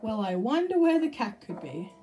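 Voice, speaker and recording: A woman giving casual let's-play commentary, excitable, swearing and shouting at the game, cooing baby talk to an in-game pet. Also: fairly high pitch, moderate pace, music in the background, poor audio. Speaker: gameplay streamer.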